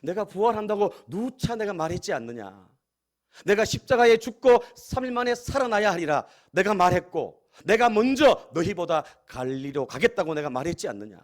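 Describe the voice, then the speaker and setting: A reproachful Jesus figure , as a male pastor puts him on, scolds his disciples in a sermon retelling. He presses them with pleading rhetorical questions. The voice swings widely and sits a little high. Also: very animated, normal speed.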